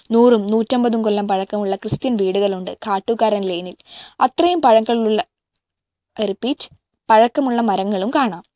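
A woman reading a novel aloud in a measured, even way, now and then stopping to correct a slip. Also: a little high, no room sound, clean studio sound. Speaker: audiobook reader.

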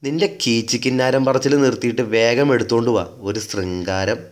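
A man voicing a gruff, grumbling middle-aged village man in a spoken story. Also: mid-range voice, steady tone, moderate pace, natural voice.

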